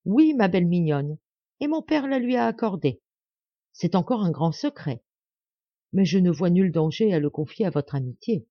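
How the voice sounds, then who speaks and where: A woman's voice: lowish voice, expressive, moderate pace, no room sound. A haughty young noblewoman sneers in falsely sweet tones, as a woman reading an audiobook puts her on. Her mockery is cold and spiteful under the laughter. The sound is dry and a bit muffled. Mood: mocking.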